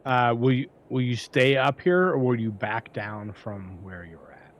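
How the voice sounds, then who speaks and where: A man works as game master, improvising the story of a tabletop game. His voice sits at a middle pitch, and he narrates in a halting, conversational manner. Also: muffled recording, slight background noise.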